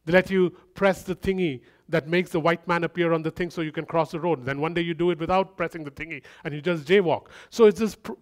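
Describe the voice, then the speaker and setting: A man with a fairly high voice preaches a sermon in a relaxed, conversational way. He slips in humorous asides and builds his points by repeating phrases. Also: fast talker, hardly any pauses.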